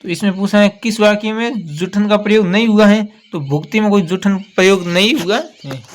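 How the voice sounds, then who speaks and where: Male teacher, high-pitched, patient, repeats key words while going through test answers. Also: normal speed. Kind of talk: exam answer walkthrough.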